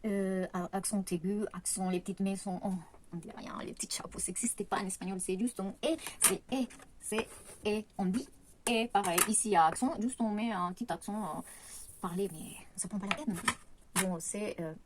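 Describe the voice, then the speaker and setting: A woman gives a relaxed online language lesson, pausing often and correcting herself as she goes. Her pitch sits in an ordinary middle range. A faint hiss of noise stays under her voice. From Latin America. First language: Spanish. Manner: hesitant, many fillers and self-corrections. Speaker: language teacher.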